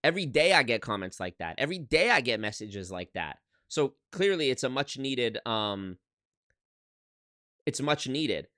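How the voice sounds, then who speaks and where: Talking at normal speed, this man in his twenties has a mid-range voice that is very animated, bright and forceful, captured dry with clean studio sound. He is a YouTuber on a casual livestream from his one-bedroom apartment, using a desk mic, swearing emphatically and frequently starting sentences over.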